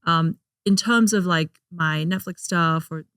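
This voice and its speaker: Interview guest, woman, lower than average pitch, chatty with plenty of fillers, close and dry. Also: a little slow, fairly bright tone, clean tone, no echo. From Hong Kong. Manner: chatty, laughs often, frequent fillers and restarts. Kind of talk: casual interview chat.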